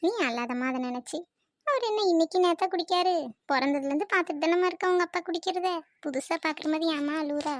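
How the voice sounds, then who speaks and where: A woman voicing a weary, sharp-tongued middle-aged mother in a cartoon. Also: very high voice, quick pace, dry recording, studio quality, pitched below the performer's own voice. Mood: scolding. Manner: scolding, weary.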